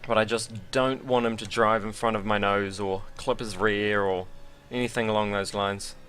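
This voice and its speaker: A man's voice: on the low side, fairly even intonation, normal speed, a bit bright, a little hiss or hum. A man giving casual, rambling and self-deprecating commentary while sim racing.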